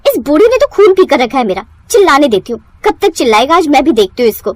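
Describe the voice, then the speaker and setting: A woman voicing a sharp-tongued, scheming young daughter-in-law who scolds her old father-in-law in a storybook cartoon. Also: very animated, fast talker, no room sound. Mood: scornful. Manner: shrill, scolding.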